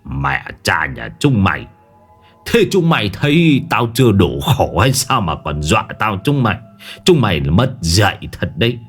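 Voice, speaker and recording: A man's voice: big pitch swings, very fast, hardly any pauses, darkish tone, slightly rough, soft background music. A man voicing a panicked old village man who wails, pleads and then scolds. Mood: scolding. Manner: wailing, pleading, pitch leaping high.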